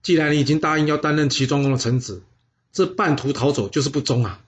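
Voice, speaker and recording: A man's voice: on the high side, quick pace, lightly acted. A man voicing a stern old mother who scolds her son. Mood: reproving.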